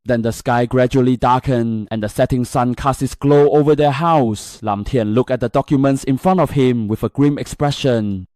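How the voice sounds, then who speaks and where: A man's voice: mid-range voice, moderate pace, hardly any pauses, dark tone, no room sound. A man narrating a comic-style story recap in a scripted storytelling style.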